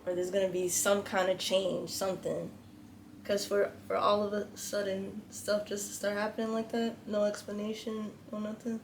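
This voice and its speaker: A woman's voice: mid-range voice, little pitch movement, normal speed, a little hiss or hum. A woman speaking informally as a co-host in a casual conversation. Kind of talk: casual chat. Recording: music playing behind. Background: music.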